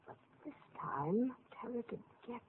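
A woman's voice: a little high, animated, measured pace, a little hiss or hum. An actress playing a scheming, cruel middle-aged stepmother in a vintage radio play, theatrical and menacing. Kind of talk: 1940s radio acting. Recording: tinny old radio broadcast.

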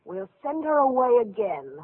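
A woman's voice: mid-range voice, lively intonation, normal speed, husky. A sneering cruel stepmother. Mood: scheming. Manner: sneering, theatrical menace. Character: scheming cruel stepmother, middle-aged woman. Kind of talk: 1940s radio acting. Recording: tinny old radio broadcast.

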